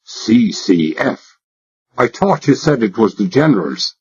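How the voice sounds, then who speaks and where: A man voicing a stocky middle-aged Irish foreman with a deep, rough, no-nonsense voice and a blunt, suspicious way of asking questions, on a dull lo-fi recording. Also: very animated, measured pace, darkish tone.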